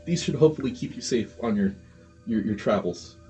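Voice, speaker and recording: A man voicing a worried older male caretaker of an orphanage, who speaks haltingly and repeats words. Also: mid-range voice, animated, darkish tone, soft background music, natural voice.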